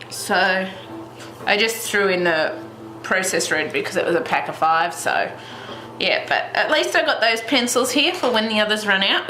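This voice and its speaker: Speaking at home in front of a heater, a young Australian woman who runs a colouring channel walks through a tutorial in a congested, stuffy voice that is mid-range with a sharp tone. The delivery is a casual ramble full of fillers and false starts. Background noise and echo fill the room.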